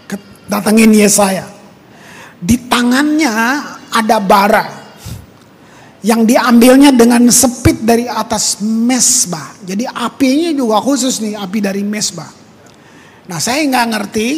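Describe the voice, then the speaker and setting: Animated pastor preaching in an echoing hall. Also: male voice, husky. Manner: animated, repeats words for emphasis. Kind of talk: conversational sermon. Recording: reverberant hall with faint rumble.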